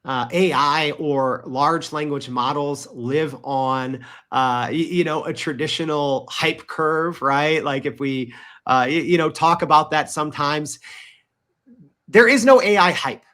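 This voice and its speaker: Emphatic bright-voiced man guest. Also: a little high, unhurried. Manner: emphatic, frequent "right?" and "you know". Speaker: podcast guest. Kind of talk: interview conversation.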